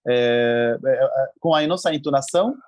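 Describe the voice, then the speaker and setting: A man's voice: mid-range voice, unhurried. A male language teacher, a guest on a podcast, explaining things patiently with frequent hesitations. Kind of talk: casual interview chat.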